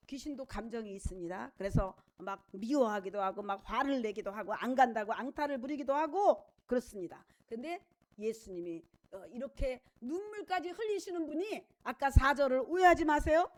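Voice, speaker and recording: A middle-aged woman pastor delivering a church sermon in an emphatic, conversational way and weaving in personal stories. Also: fairly high pitch. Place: church service.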